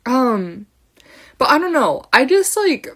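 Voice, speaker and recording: A woman's voice: high voice, sing-song, slow pace, fairly bright tone. Bubbly rambling young woman podcaster. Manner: drifts off on tangents and giggles. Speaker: podcast host. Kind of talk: casual solo podcast chat. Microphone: own camera.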